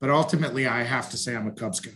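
A man's voice: medium pitch, racing, fairly bright tone. A man from the Chicago suburbs, a coach guest in a casual interview, hesitant and friendly, with many restarts. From Chicago northwest suburbs. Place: at home, video call.

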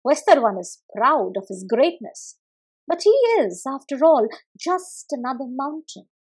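A haughty glacier queen from a spoken storybook, cold and contemptuous, looking down on everyone around her, as a woman narrator puts her on. She speaks slowly and softly, with a breathy edge and a lofty, dismissive calm. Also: sits high, full character voice, low-quality recording. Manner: contemptuous, scornful, quietly superior.

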